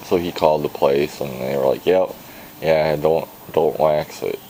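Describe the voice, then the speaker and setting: A very deep-voiced man with a gravelly edge talks slowly, tired and worn out, mumbling as he rambles through a casual vlog. His words trail off often, and faint noise sits behind him. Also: steady tone, mellow, poor audio. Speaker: vlogger. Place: outdoors at a garage.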